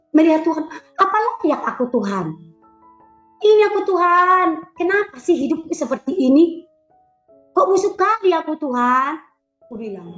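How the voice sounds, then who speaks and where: A woman giving an emotional personal faith testimony, repeating phrases and calling out prayers aloud. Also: very high voice. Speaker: former shaman giving a church testimony. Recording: roomy, dull lo-fi sound with faint music.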